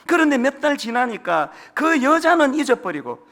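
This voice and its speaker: Man doing a corrupt old tycoon, Gyeongsang dialect, world-weary drawl, rough gravelly edge. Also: extremely high pitch, very animated, normal speed, a bit bright, voice pushed up, exaggerated voice.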